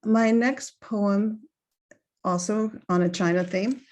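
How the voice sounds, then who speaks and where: A woman reading her own poems aloud over a video call, with spoken asides between them, slow and measured. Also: medium pitch, fairly even intonation, a little mellow. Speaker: featured poet.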